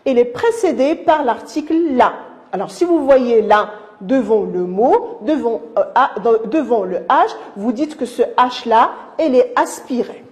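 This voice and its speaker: A woman's voice: on the high side, animated, a little mellow. A woman teaching a lesson to young pupils, patient and repeating herself, speaking to them affectionately. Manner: slow, patient, repeats and restarts words. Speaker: primary school teacher. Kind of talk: recorded lesson explaining to young children.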